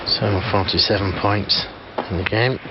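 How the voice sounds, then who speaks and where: A man's voice: lowish voice, fairly even intonation, measured pace. A man giving live snooker commentary as a co-commentator, reacting to the shots. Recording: muffled broadcast, loud crowd and noise.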